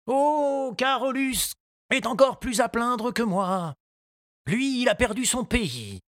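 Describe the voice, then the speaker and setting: A woman voicing a small, gentle, curious boy who asks eager questions. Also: on the high side, moderate pace, breathy edge, no room sound, studio quality, pitched above the performer's own voice. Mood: upset, eager. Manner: eager, wide-eyed questioning.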